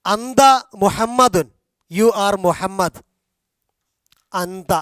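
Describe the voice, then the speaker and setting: A man teaching a language class, slowly repeating and drilling grammar forms, with a Malayali accent. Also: sits high, a bit bright, no echo, studio quality. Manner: slow, drilling repetition of forms. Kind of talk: explaining grammar in a video class.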